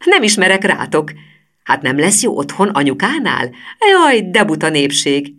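A woman voicing a lively, bossy female teacher who mocks and scolds the pupils. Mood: mocking. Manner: scolding, high and animated.

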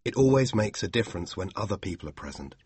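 A man voicing a sincere, devoted young man, speaking slowly and earnestly. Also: on the low side, lively intonation, a little mellow, husky, no room sound.

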